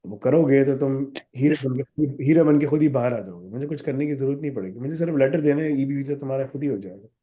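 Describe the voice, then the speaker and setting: A man's voice: mid-range voice, fast, hardly any pauses, dark tone. A man with a sore throat, answering student questions in a live session in a direct, instructive way. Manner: direct, switches to English for emphasis. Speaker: college founder answering questions.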